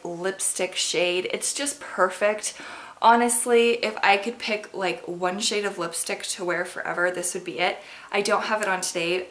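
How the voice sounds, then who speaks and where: A woman's voice: on the low side, a bit bright, slight background noise. A woman in her twenties chatting casually to viewers as a beauty vlogger, in a bubbly, gushing sorority-girl manner full of emphatic words and "like". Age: 20s. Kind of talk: casual makeup tag chat to viewers. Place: carpeted bedroom at home, indoors.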